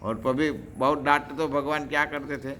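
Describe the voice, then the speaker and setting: A man's voice: a little high, level tone, normal speed, bright, forceful tone. A man preaching a devotional lecture, telling stories animatedly, acting out characters and chanting verses.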